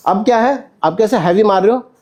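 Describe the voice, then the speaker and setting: A man's voice: sits high, a little fast, a little mellow. A man teaching a stage-fight drill to an acting class, counting punches and calling out corrections with energy. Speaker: acting instructor. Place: indoor acting studio with a class.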